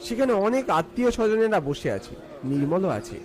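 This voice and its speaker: A man's voice: high-pitched, big pitch swings, moderate pace, a little mellow, soft background music. A man narrating a scripted first-person ghost story in a theatrical, suspenseful way.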